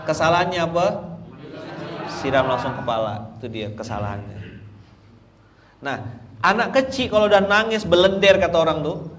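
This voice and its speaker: A middle-aged man preaching a dawn sermon, joking and swinging between loud and hushed. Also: high voice, animated, fairly quick, pauses often, slight background noise. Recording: distant mic with faint ambience.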